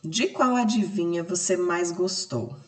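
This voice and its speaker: Slow, patient Brazilian woman teacher, roomy. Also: fairly low pitch, far from the mic. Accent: Brazilian Portuguese. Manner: slow, patient, explains step by step. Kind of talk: recorded remote class lesson. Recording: roomy echo, off-mic.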